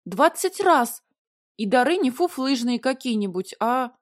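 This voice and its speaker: A flustered young heroine chatters in a high, squeaky, whiny voice, put on by a woman reading the audiobook. The voice is close and dry. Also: big pitch swings, unhurried, dry recording. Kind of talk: audiobook character voice.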